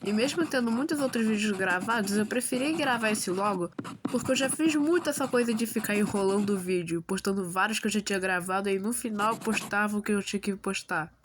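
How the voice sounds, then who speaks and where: A woman's voice: medium pitch, fairly quick, background noise. A woman with a Brazilian accent and a slightly odd, swollen sore-throat voice, narrating a scripted explainer with casual asides. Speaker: video narrator explaining fictional lore.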